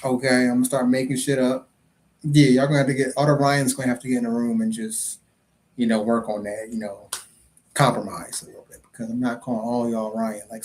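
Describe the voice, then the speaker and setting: A man's voice: medium pitch, a little hiss or hum. A man hosting his own podcast livestream, talking loosely and jokingly in casual chat and swearing freely. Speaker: podcast host and comedian.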